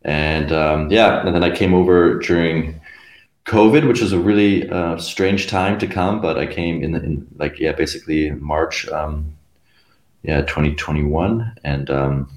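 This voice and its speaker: In an echoey room, a young musician from Canada talks as an interview guest, rambling loosely, filling gaps with fillers and laughing between phrases. His voice is extremely low-pitched and unhurried.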